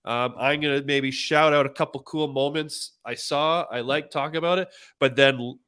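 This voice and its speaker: A male host leads a casual live review chat in a bright, forceful voice. He sounds nasal and congested from a cold. He talks eagerly in quick bursts, with plenty of fillers. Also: a little high, steady tone, clear, resonant tone.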